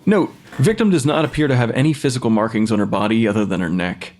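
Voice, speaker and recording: In a fiction podcast, an actor voices a blunt young male pathologist, using a mid-range, darkish voice at a quick pace with light acting. He dictates notes formally, sounding clinical, detached and matter-of-fact.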